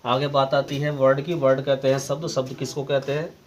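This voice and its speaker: A man with an Indian accent teaching English grammar as a lesson, slowly dictating definitions word by word. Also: mid-range voice, flat delivery, a little hiss or hum, low-quality recording. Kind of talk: classroom lesson explaining grammar.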